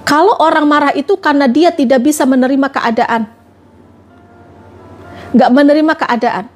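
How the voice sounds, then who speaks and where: A woman's voice: high-pitched, moderate pace, soft background music. A woman giving a religious talk on a live stream, asking her listeners question after question. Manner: repetitive rhetorical questioning.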